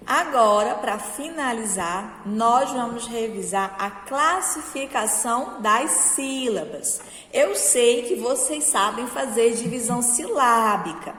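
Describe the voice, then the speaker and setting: A woman teacher giving a slow, patient review lesson to children, often checking that they follow along. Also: fairly high pitch, a bit bright. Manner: slow, patient, encouraging, checks understanding with "certo?". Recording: echoey room with long reverb.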